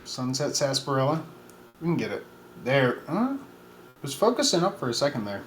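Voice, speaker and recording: A man in a casual live stream talks through a taste test in a relaxed, chatty way, pausing on fillers as he thinks aloud. His voice sits at a middle pitch. It echoes in a roomy space with a faint hum in the background.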